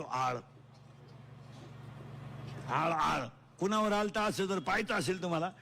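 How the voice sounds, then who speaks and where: A man preaching a comic devotional kirtan, loud and teasing, quizzing his crowd and chanting repeated phrases in a singsong. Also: sits high, creaky.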